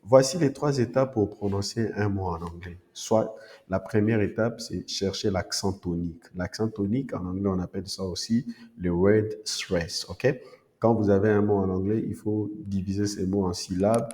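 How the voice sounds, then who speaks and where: A man with a low, mellow voice gives a pronunciation lesson. He explains step by step and keeps checking in with his listeners. He says each example word aloud several times, and his voice trails off in a long reverb. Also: fairly even intonation. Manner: explains slowly, often checks with "ok?"; repeats model words aloud for practice. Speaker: English teacher. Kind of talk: spoken lesson.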